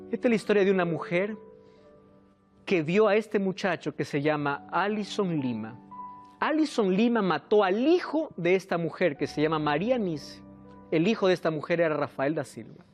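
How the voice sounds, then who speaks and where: A pastor preaching a sermon with animated delivery, retelling parables in quoted dialogue and appealing directly to his listeners. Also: sits high.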